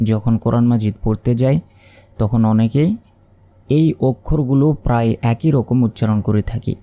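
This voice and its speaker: A man with a Bangladeshi Bengali accent leads a Quran reading lesson, his voice dark and mellow at an ordinary middle pitch. He drills each letter sound patiently, one by one. His delivery stays calm and repetitive. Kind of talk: step-by-step recitation lesson.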